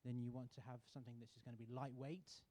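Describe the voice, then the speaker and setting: A British-born sponsor representative gives a welcome speech at a contest in a university auditorium. He's relaxed, with a mellow, medium-pitched voice, and halts often with many fillers and restarts.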